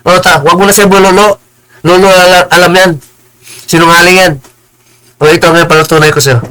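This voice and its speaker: A man with a bright, sharp voice rants on a live stream. He is combative and insulting, stammers and repeats words, and now and then slows into preachy English phrases. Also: sits high, steady tone, smooth, poor audio. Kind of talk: heated live-stream rant.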